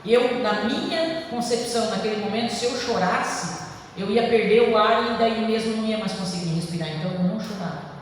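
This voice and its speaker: A woman's voice: medium pitch, fairly quick, a little hiss or hum. A woman giving a heartfelt personal testimony at a church service, often addressing the congregation directly. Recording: echoey church hall from far off.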